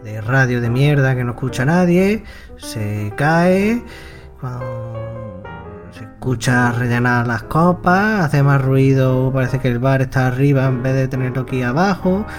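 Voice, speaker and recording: A performer playing a fed-up bar owner who complains in a slow, weary way in a comedy sketch. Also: medium pitch, lively intonation, natural voice. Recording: music playing behind.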